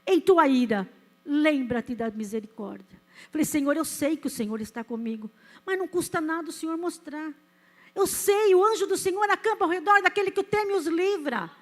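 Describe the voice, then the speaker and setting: Her voice extremely high and a bit bright, a woman pastor in her fifties speaks a little fast as she delivers an earnest sermon in church, full of emotion and personal testimony. She has a Brazilian Portuguese accent.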